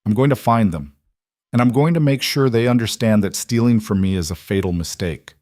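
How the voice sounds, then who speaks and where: A man's voice: lowish voice, animated, moderate pace, a little mellow, no room sound, clean studio sound. A man playing a clipped, ruthless cattle baron. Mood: stern. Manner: clipped, curt.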